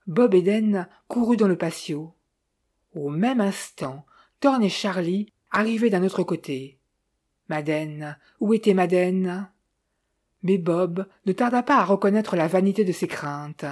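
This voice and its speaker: A woman narrating an audiobook in a measured, even reading style. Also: lowish voice.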